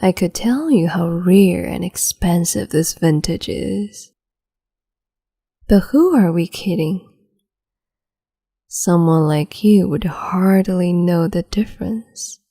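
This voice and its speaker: In this ASMR roleplay, a woman plays a cruel, capricious young empress who dotes on her pet with cruel affection. She coos and whispers softly and breathily, lingering slowly over each word in a low, mellow tone that is teasing and condescending. The performance is heavily acted.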